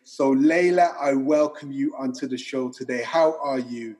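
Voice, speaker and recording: A man's voice: mid-range voice, steady tone, normal speed, darkish tone. A man hosting an interview podcast, asking friendly, rambling questions. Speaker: podcast host.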